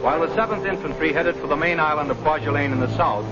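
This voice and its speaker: A man's voice: fairly high pitch, fast talker. A man with an American accent narrating a scripted 1940s wartime newsreel in a dramatic, declarative way. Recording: dull 1940s newsreel, loud music behind.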